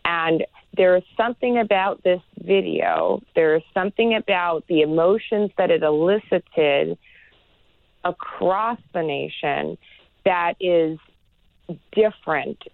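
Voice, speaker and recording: A woman professor answering interview questions in an earnest, measured way, with frequent "you know" fillers. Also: lowish voice, vocal fry, dry recording. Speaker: guest, neuroscience professor. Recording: tinny phone-like line.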